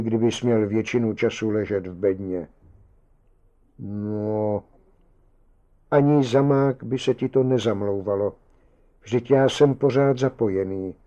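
A man's voice: lowish voice, warm tone, natural voice. A man voicing a humanlike marionette double of a man who earnestly complains that he is kept in a box, in an audiobook reading.

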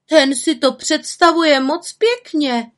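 A woman voicing a kindly, playful little female witch in a storybook reading, her voice raised high and bright. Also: close to an everyday voice. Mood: amused.

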